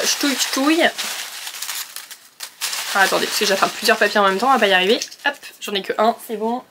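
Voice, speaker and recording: A woman's voice: fairly high pitch, noisy background. A young woman from France chatting to camera at home in a casual reading vlog, rambling with many fillers and self-corrections. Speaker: book vlogger. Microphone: camera set on a surface.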